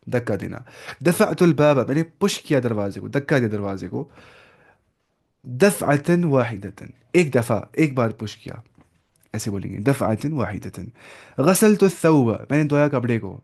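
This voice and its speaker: A man teaching an Arabic lesson, reading each Arabic phrase slowly and then explaining it in with English words mixed in. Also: medium pitch, darkish tone.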